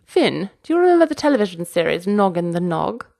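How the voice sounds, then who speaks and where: A woman's voice: on the low side, sing-song, brisk, creaky, mellow. A woman voicing an imperious elderly queen who barks commands in a haughty manner. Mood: wistful, grand. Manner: haughty, barking orders.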